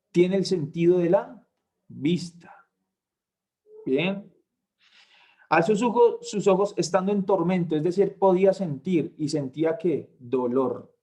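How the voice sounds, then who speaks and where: A man, tutoring a Bible class, who explains slowly and keeps checking understanding with short questions. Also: a little high, mellow. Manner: explains slowly, asks "¿cierto?" after points.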